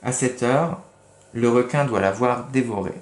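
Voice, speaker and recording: A man's voice: mid-range voice, a little slow, echoey room, lightly acted. A man reading aloud and voicing a small, wise talking cricket in a storybook, reproachful and lecturing.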